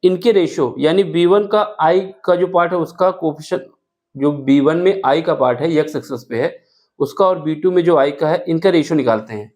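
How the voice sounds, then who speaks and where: A man's voice: a little high, normal speed, a little mellow. A man teaching a board-exam math lesson step by step, asking questions and answering them himself. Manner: asks rhetorical questions and answers them, self-correcting aloud.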